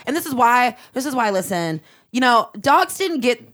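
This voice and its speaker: A woman from the Midwest hosting a podcast, telling stories in casual chat with loud laughs and swearing. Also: on the high side, very animated, moderate pace. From American Midwest. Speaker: podcast host. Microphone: headphones and studio mic.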